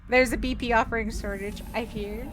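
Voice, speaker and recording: A woman's voice: on the high side, steady tone, fairly quick, noisy background. A woman chatting casually with friends during a multiplayer horror game, musing in a hesitant, giggly way. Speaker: gamer in a group horror game session. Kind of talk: casual gameplay chat.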